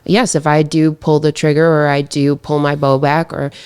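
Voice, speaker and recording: A woman's voice: sits low, level tone, moderate pace, darkish tone, clear, resonant tone. A woman who hunts, a podcast guest, speaking earnestly and firmly about her views. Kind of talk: casual chat.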